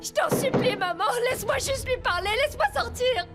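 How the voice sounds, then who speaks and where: A woman's voice: very high-pitched, lively intonation, brisk, music in the background. An actress playing a frantic young woman locked in a room in a dubbed TV drama, tearfully pleading. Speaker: daughter. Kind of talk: French TV drama dub.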